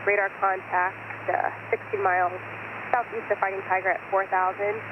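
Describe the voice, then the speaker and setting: A man's voice: sits high, flat delivery, normal speed. A man working as an air traffic controller gives procedural instructions over aviation radio. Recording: tinny radio with clear noise.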